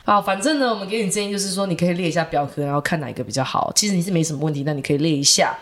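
A woman's voice: on the low side, racing. A young woman with a Taiwanese Mandarin accent co-hosting a podcast, chatting casually and giving frank opinions. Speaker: podcast co-host. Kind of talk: casual chat.

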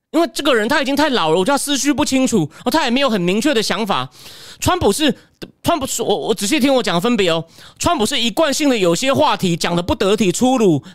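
Fast, high-voiced male political commentator. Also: a bit bright, dry recording, studio quality. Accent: Taiwanese Mandarin. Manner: opinionated, rhetorical questions to the viewer.

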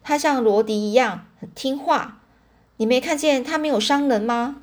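A woman's voice: high voice, normal speed, darkish tone, voice pushed up, close to an everyday voice. A woman doing an earnest, coaxing farm boy. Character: eager pleading farm boy.

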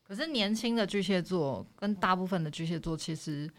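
A woman, talking as a guest in a relaxed chat. Her voice sits a little low, and she explains her views at length in a candid, reflective way. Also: brisk. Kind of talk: casual chat.

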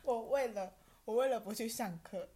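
A woman's voice: fairly high pitch, normal speed, dark tone, breathy edge. A woman hosting a podcast, chatting casually and playfully, giggling as she tells stories. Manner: playful, giggly, teasing questions. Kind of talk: casual chat.

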